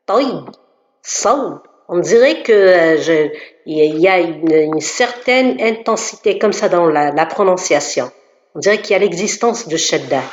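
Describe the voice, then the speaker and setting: Slow, patient woman teaching pronunciation. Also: fairly low pitch. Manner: slow, careful, demonstrates sounds, repeats syllables. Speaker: tajweed teacher. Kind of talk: pronunciation lesson. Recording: echoey, dull lo-fi room recording.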